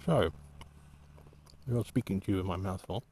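A man talking casually while out walking, rambling in halting, restarting sentences as he thinks aloud. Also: deep voice, darkish tone, slight background noise. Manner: rambling, halting, many restarts and trailing thoughts. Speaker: walking vlogger and artist.

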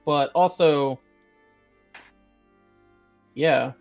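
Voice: mid-range voice, extremely slow, over loud music. A player in a tabletop game, talking in an easygoing, agreeable way that trails off. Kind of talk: casual tabletop game chat.

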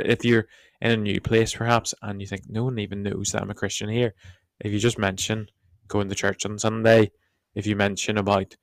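Croaky guy preaching on a podcast, low voice, thinks out loud. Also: no room sound. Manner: reflective, hedging. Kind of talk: podcast discussion.

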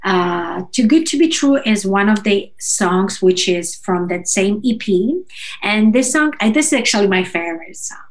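In a casual interview, a singer-songwriter guest speaks in an animated, mid-range voice. She is halting, reaching for words and checking with "right?", and she grew up speaking Russian and Georgian.

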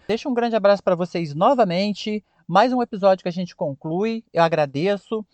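High-voiced Brazilian podcast teacher. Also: male voice, darkish tone, dry recording. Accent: Brazilian Portuguese. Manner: didactic, repeats words slowly for emphasis. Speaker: podcast host and English teacher. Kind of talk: podcast lesson on English pronunciation.

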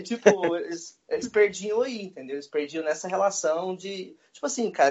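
A man guest in a casual chat, telling stories in a relaxed way and laughing easily. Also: high voice. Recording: dull lo-fi audio.

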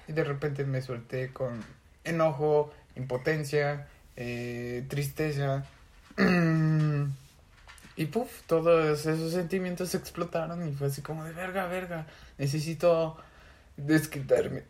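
A man's voice: on the high side, steady tone, slow, a little mellow. A young man with a Mexican Spanish accent, a podcast co-host talking in a casual, slangy way and swearing often. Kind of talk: casual chat.

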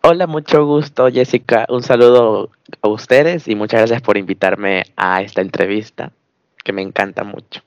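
A young man from Ecuador, in his early twenties, is answering interview questions with an easy, agreeable manner. His voice sits fairly low and is recorded dry, with no room sound, and he often drops in short murmured acknowledgements. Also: normal speed, no room sound, highs cut off. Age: 20s. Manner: relaxed, agreeable, many short "ujú" acknowledgements. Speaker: guest.

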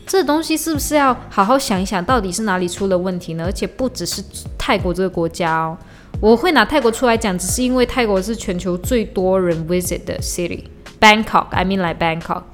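A Malaysian woman hosts a solo podcast in a mid-range voice, talking briskly. She's heated, blunt, and profane, slipping English slang into her speech, while a faint lo-fi hip-hop beat plays behind her.

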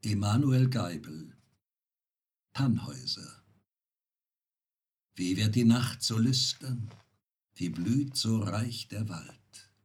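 A man reading narrative poems aloud as an audiobook, in a slow, measured recitation. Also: on the low side, lively intonation, husky. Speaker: audiobook reader. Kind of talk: poetry reading.

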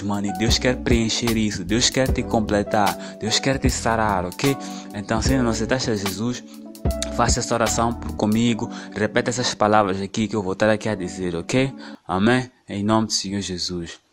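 A man with a low, steady voice delivering a relaxed podcast sermon. He speaks in short, repeated phrases that build on each other. He slows down to lead a prayer, and faint music plays underneath. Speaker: podcast preacher.

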